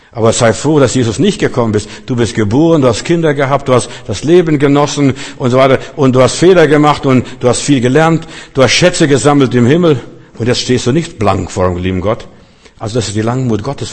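A man's voice: medium pitch, darkish tone. A man preaching a sermon in a chatty, rambling way, often repeating words as he restarts. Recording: long hall reverb.

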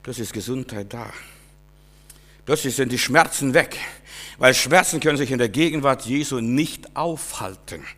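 A middle-aged man preaching a sermon, swinging from loud, high exclamations to quiet, low asides, often repeating and restarting words. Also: expressive, normal speed.

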